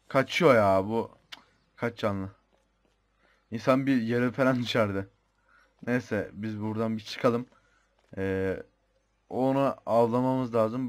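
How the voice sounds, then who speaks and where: A young man with a Turkish accent giving casual commentary on his own gameplay, chatty and thinking aloud, muttering the odd mild swear. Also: fairly low pitch. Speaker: gamer.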